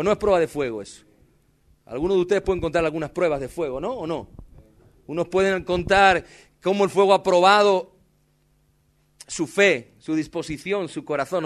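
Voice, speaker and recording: Impassioned high-voiced pastor. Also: male voice, moderate pace. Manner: impassioned preaching, addresses the congregation directly; tells personal stories with dramatic emphasis. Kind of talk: sermon.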